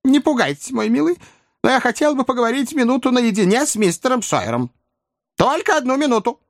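A man voicing a fussy, nervous, thrifty old woman in an audiobook, in a high, quavering, fretful voice. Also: big pitch swings, fairly quick, no echo, studio quality, exaggerated voice. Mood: flustered.

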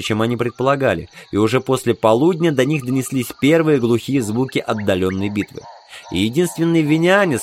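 A man narrating an audiobook in an even storytelling manner. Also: medium pitch, a little hiss or hum.

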